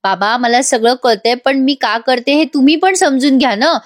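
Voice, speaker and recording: A woman voicing an earnest young daughter who calmly and gently persuades her father. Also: high-pitched, moderate pace, no echo, clean studio sound, lightly acted.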